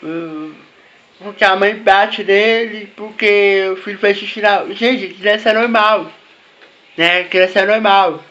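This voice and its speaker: High bright-voiced man, repetitive. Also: fairly even intonation, slow pace, dull audio. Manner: repetitive, ends phrases with "né?" and "tá?". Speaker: vlogger giving advice to parents. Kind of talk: casual talk to camera.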